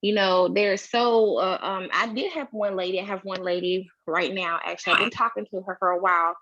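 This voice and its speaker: A woman with a mid-pitched voice chats casually, using lots of fillers. Her voice comes through muffled, lo-fi video call audio. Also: steady tone, fairly quick, a bit bright. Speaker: network marketing recruiter.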